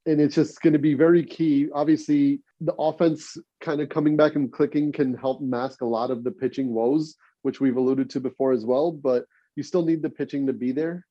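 A man's voice: fairly high pitch, fairly even intonation, normal speed, few pauses, no room sound, muffled recording. A man co-hosting a podcast, chatting casually and laughing often, with rambling restarts. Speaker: podcast co-host. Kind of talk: casual sports chat.

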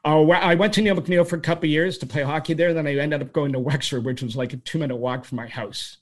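A man in his sixties from Toronto, Canada, answers interview questions with long stories, speaking fast in a voice on the high side. He's an animated, rambling storyteller who restarts often.

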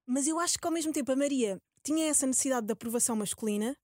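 Very high-pitched Portuguese woman hosting a chat. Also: racing, a little mellow, dry recording, studio quality. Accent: European Portuguese. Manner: informal and slangy, with English words mixed in. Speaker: podcast host. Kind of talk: casual interview chat.

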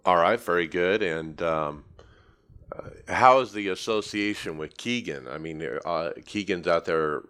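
A man's voice: low-pitched, unhurried, fairly bright tone, clear, resonant tone. A man hosting a racing podcast, asking loose conversational questions. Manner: conversational, leading questions with fillers. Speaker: podcast host. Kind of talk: interview questions.

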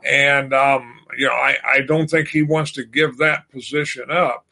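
A man's voice: mid-range voice, steady tone, measured pace, vocal fry, sharp tone. An older man, the host's father, talking sports casually and rambling with many fillers and restarts. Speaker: podcast guest.

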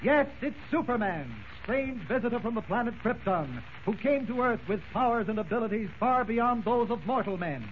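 A man announcing in a booming, declamatory manner, heard as an old radio show broadcast. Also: lively intonation, normal speed, few pauses. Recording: dull lo-fi old radio recording with faint hiss.

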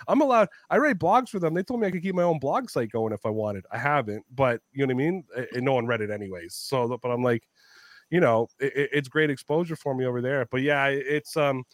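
Male podcast host, higher-pitched and lively, swears freely, acts out quotes, dry close mic. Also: dry recording. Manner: animated storytelling, swears a lot, acts out quotes. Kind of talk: casual podcast chat.

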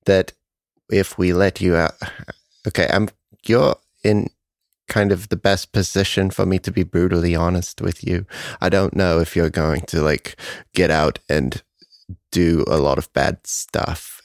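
A man's voice: deep voice, vocal fry, dry recording, clean studio sound. A man playing a tabletop role-playing game, improvising casually and thinking aloud in a hesitant, deliberating way.

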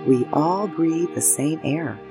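Low-voiced woman leading guided meditation. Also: slow, creaky, music in the background. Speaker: meditation guide and show host. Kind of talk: guided meditation, scripted narration.

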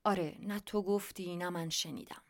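A woman's voice: lowish voice, steady tone, lightly acted. A woman voicing a courteous, humble man of the house who speaks politely to a visitor. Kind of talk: storybook reading.

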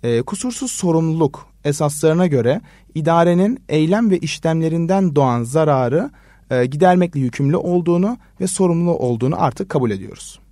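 Hesitant, measured man explaining law. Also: on the high side, lively intonation, dark tone, no echo, clean studio sound. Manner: measured, frequent hesitation fillers. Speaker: law research assistant, guest expert. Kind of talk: explanatory radio interview answers.

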